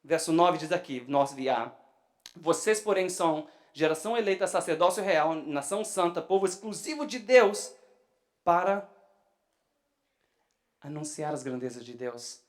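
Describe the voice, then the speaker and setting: Loud excitable preaching man. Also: fairly high pitch, unhurried, pauses often. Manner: excitable preaching, voice rising loud when animated. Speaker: pastor. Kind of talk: sermon. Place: church.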